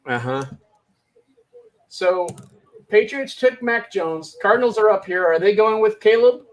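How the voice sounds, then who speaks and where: A man's voice: high voice, animated, unhurried. A man hosting a live football show, chatty, with many fillers, laughing easily. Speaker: show host. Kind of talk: casual sports chat.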